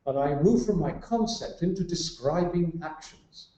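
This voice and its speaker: A man's voice: on the high side, a little slow, mellow. A man speaking as a guest on leadership, building emphatic lists of examples with some fillers. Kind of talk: explanatory talk. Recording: roomy, muffled sound.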